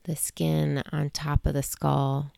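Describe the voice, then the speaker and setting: Slow, gravelly-voiced woman guiding sleep. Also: low voice, little pitch movement, dry recording. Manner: slow, soothing, hushed. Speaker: meditation guide. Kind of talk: guided sleep meditation.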